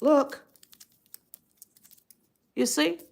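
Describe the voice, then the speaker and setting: A woman's voice: high voice, very slow, creaky. A woman author giving a live-stream talk on parenting, emphatic and repetitive and often checking in with her viewers. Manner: speaks directly to viewers as a group.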